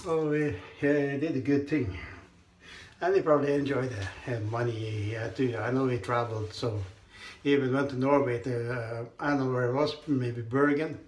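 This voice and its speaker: A shaving vlogger talks casually as he shaves, his hoarse, mid-range voice fairly even in intonation yet slow and halting, with frequent throat clearing. The small tiled bathroom echoes, and his counter camera at arm's length catches faint noise too.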